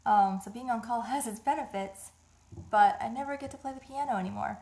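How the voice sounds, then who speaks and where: A woman's voice: fairly high pitch, fairly quick. A woman in her thirties chatting casually to the camera at home, rambling and thinking aloud with many restarts. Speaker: vlogger. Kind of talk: casual home vlog chat. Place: family house indoors.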